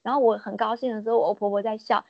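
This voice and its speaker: A woman, being interviewed and telling lively stories about her work. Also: on the high side, quick pace, no echo. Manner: lively anecdotal storytelling, acts out quotes. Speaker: interviewee, peanut business owner. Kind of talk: interview storytelling. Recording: dull lo-fi dry recording.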